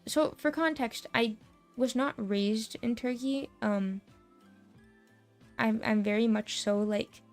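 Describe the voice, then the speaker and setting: A young American woman streaming a casual chat, telling stories in a lively way, laughing often and swearing freely. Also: fairly high pitch, takes it slowly, pauses often, soft background music. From United States.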